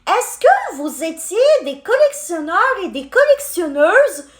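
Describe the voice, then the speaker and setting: High, lively young woman vlogger. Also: slow, echoey room. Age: 20s. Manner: talks straight to her viewers, friendly and chatty. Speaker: unboxing vlogger. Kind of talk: chatty unboxing video.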